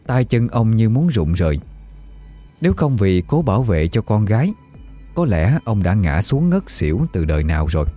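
A man's voice: low voice, mellow. A man narrating a ghost story in a dramatic, suspenseful way.

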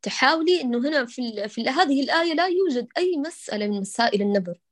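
A fairly high-voiced woman coaching a student in Quran recitation, calm and exacting. She breaks words into drawn-out single sounds to model each letter. Her voice comes across close and dry, with no room sound. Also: dry recording. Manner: patient, corrective, models sounds slowly and precisely.

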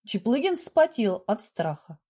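A woman narrating a story in a measured, even storytelling manner. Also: a little high, breathy edge. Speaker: audiobook narrator. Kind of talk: scripted narration.

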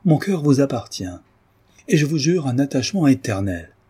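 A man's voice: fairly low pitch, moderate pace, warm tone, slightly rough. A man voicing an earnest young nobleman in love, pleading, in an audiobook reading.

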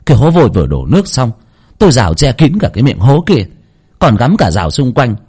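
A man's voice: mid-range voice, wildly swooping pitch, fairly quick, a little mellow, breathy edge, pitched above the performer's own voice, exaggerated voice. A man voicing a grumpy, defensive old bald landowner in a horror audiobook, talking in an indignant, self-justifying way.

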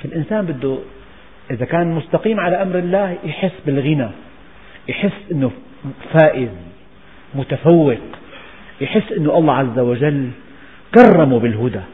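A man's voice: fairly high pitch, fairly quick, long pauses, slight background noise. Man, Syrian accent, scripture lecture, repetitive rhetorical lists, tinny lo-fi audio, long hall echo. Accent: Syrian Levantine Arabic. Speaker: Islamic preacher explaining scripture. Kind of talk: religious lecture.

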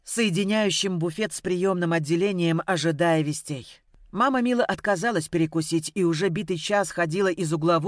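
A woman's voice: on the low side, dry recording. Woman narrating an audiobook, dry sound. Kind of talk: first-person audiobook narration.

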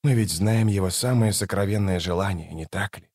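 A man voicing a solemn elder god who speaks in low, heavy pronouncements, in an audiobook. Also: fairly quick, darkish tone, no room sound, studio quality.

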